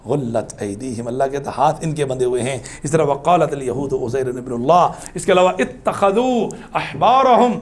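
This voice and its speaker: Man teaching a religion class, kinda high voice, gets loud and emphatic, chants verses slow. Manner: animated, rises high for emphasis, chants Arabic verses slowly; ends in soft, low supplication. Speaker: Islamic teacher.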